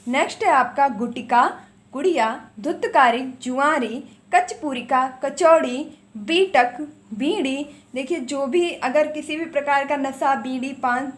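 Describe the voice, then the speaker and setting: A woman with a high voice teaching an exam-prep vocabulary lesson. She rattles through word lists and repeats the important ones for emphasis. She speaks straight to her viewers in a firm, coaxing way. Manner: drills words in quick lists, repeats key items for emphasis.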